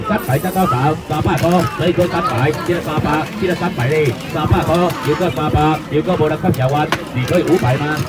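Fast-talking Taiwanese man hawking at night market. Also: a little high. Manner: patter with repeated rhetorical questions. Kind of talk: live street sales pitch. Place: outdoor night market stall. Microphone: filmed on phone from among the onlookers. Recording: outdoor night market, loud crowd and music. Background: loud music and crowd noise.

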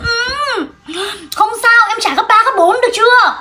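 A woman performing all the parts of a comedy skit with quick, teasing banter. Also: very high-pitched, echoey room, heavy background noise. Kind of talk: comedy skit role-play. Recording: music playing clearly behind.

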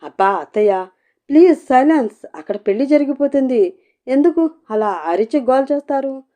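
A woman's voice: on the high side, lively intonation, moderate pace, mellow, pitched above the performer's own voice, close to an everyday voice. Woman doing a cheeky, scheming young woman. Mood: exasperated. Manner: teasing, brash.

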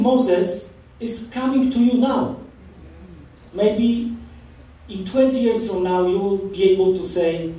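In a large church hall, a priest from Poland in his forties preaches a loose, talkative homily, trading anecdotes and laughs in his Polish accent. He has a high, dark-toned voice. A camera far across the church picks him up, so the sound is distant and echoey, with slight hiss or hum.

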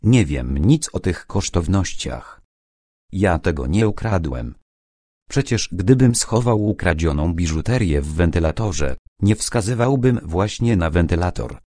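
A man's voice: low-pitched, animated, measured pace, mellow, no echo, clean studio sound. A man voicing a nervous, cornered male suspect who stammers and defends himself feverishly in an audiobook.

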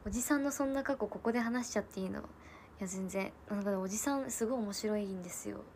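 A woman's voice: mid-range voice, fast, a little hiss or hum. A woman in her twenties chatting casually on a livestream, telling family stories and answering comments. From Japan. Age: 20s. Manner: chatty storytelling, answering comments, frequent laughs and soft asides. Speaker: livestream host.

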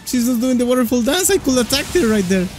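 High-voiced, exuberant young male gamer. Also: lively intonation, quick pace, a little mellow, faint music behind. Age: young adult. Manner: exuberant, exclamatory. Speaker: gaming streamer. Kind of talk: excited gameplay commentary. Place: indoor gaming room. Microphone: desk microphone close to mouth.

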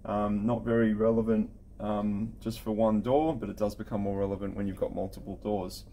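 A man with a low, mellow voice and a level tone explains software setup at a moderate pace, informal and matter-of-fact. An intercom installer, he works through the screen step by step at an office desk, with slight background noise.

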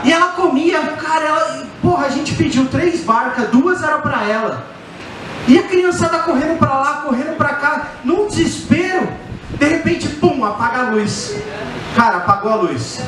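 A middle-aged Brazilian-accented comedian tells colloquial, crude stand-up stories into a handheld mic on a small indoor bar stage, his voice extremely high, a bit bright, lively in intonation, and at a moderate pace. Captured from a distance, the live venue sounds very echoey with faint background noise.

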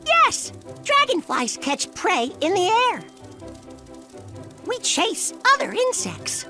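A woman voicing a friendly dragonfly who explains things simply and deliberately in a children's educational cartoon. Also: extremely high pitch, wildly swooping pitch, sharp tone, faint music behind, full character voice. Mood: friendly, informative. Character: bright, friendly, high-voiced dragonfly.

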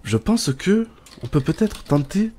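A man's voice: fairly high pitch, measured pace, noisy background. A young man giving casual, chatty gameplay commentary as a gaming YouTuber. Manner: chatty, bursts into excited shouts and laughs.

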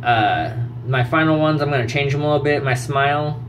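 A man's voice: on the high side, a little fast, slight background noise, rough recording. A man speaking with new dentures, chatting casually to the camera in a plain, rambling way with lots of fillers. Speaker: vlogger.

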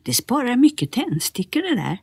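A woman's voice: fairly high pitch, creaky, breathy edge, dry recording, clean studio sound, voice pushed up, exaggerated voice. A woman voicing a curious, kind-hearted young boy in a storybook reading. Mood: eager. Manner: excited, eager.

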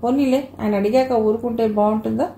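A woman voicing a gentle, sincere older brother. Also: extremely high pitch, steady tone, fairly quick, vocal fry. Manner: gentle and earnest. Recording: echoey room, faint hiss.

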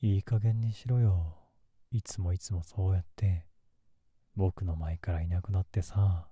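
A man as a menacing, dark-voiced obsessive lover. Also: sits low, steady tone, measured pace, slightly rough, no echo. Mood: menacing, bitter. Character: lovesick possessive young man, soft-spoken, turning menacing. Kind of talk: ASMR role-play. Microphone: close ASMR microphone in a dry space.

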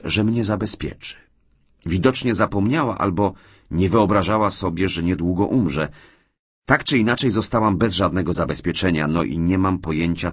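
A shy, tearful young woman speaks in a lifted, soft, pleading tone, voiced by a man in a dry audiobook read. Her voice is breathy and husky, and it rises and falls a good deal. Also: deep voice, no echo. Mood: hesitant pleading. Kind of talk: audiobook character reading.

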